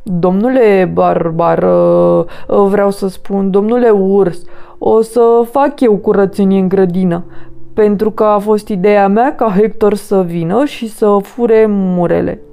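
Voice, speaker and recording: A woman's voice: mid-range voice, steady tone, creaky, mellow, lightly acted. A woman voicing a bumbling, well-meaning male hedgehog in a children's storybook, stammering and hesitant. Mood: earnest.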